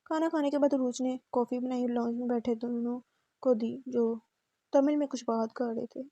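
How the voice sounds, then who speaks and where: A woman narrating a romance novel in a steady, even reading voice. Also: a little high, normal speed, no room sound. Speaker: audiobook narrator. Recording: dull muffled recording.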